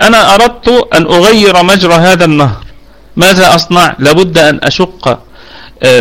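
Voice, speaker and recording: A man's voice: a little high, a bit bright. A man with an Egyptian accent, patiently explaining Quran recitation rules in an online lesson, slipping between colloquial and formal speech. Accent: Egyptian Arabic.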